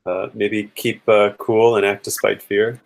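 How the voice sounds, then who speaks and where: A man playing a tabletop game, describing his character's actions in a halting way. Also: on the low side, little pitch movement, gravelly. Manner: halting, restarts often. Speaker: player. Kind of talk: casual tabletop play.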